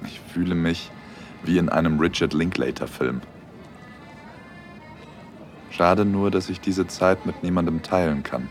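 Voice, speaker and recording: An actor voices a dreamy, bashful young adult man, softly narrating an intimate audio drama in the first person. His voice is low at normal speed, with faint music in the background.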